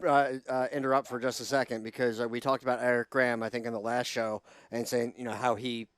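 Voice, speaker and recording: A man's voice: mid-range voice, level tone, quick pace, a bit bright, clear, resonant tone, no room sound. A man co-hosting a podcast, chatting casually and joking as he goes. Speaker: podcast co-host. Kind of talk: casual chat.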